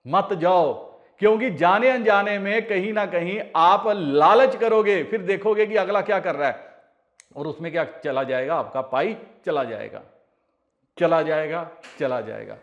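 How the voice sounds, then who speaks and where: A man's voice: sits high, moderate pace, lo-fi sound. Earnest man repeating warnings. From India. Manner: pleading, personal tone with viewers. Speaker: crypto channel host. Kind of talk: casual advice vlog.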